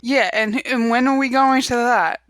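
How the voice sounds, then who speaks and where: A woman's voice: fairly high pitch, steady tone, normal speed, fairly bright tone, no room sound. A woman co-hosting a casual podcast chat, giggling often and rambling with fillers. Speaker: podcast co-host.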